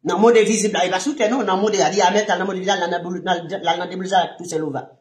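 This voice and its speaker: A minister with a Haitian accent teaches in an impassioned sermon, firing off rhetorical questions and swinging from low murmurs to shouts. His delivery is rapid-fire with fairly even intonation, and the sound is roomy.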